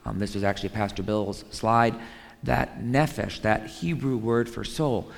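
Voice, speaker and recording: Low gravelly male pastor preaching. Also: steady tone, a little slow, in a large hall. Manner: conversational preaching with fillers and restarts. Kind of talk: sermon.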